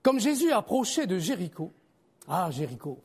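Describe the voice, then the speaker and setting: A man preaching a sermon in a conversational, animated way, moving between loud calls to the listeners and quiet, low asides. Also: moderate pace, husky.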